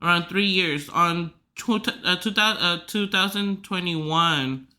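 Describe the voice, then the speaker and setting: Bright-voiced chatty woman podcaster. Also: fairly low pitch, slow. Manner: rambling, filler-heavy, giggly asides. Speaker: podcast host. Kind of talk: casual chat.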